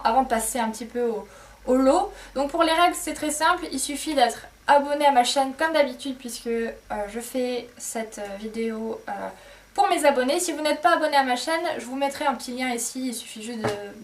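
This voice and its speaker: A woman's voice: high voice, far from the mic. A woman beauty vlogger chatting casually to camera, hesitant and filler-heavy.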